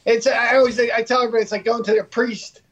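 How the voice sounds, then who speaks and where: Man, interview guest, high voice, halting, self-deprecating, muffled lo-fi sound. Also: level tone, fairly bright tone. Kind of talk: casual interview talk.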